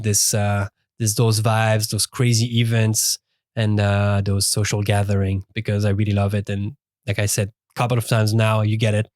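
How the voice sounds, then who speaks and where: A man co-hosting a podcast in casual chat, speaking haltingly with many fillers and restarts. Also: lowish voice, dry recording, studio quality. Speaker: podcast co-host. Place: dry studio.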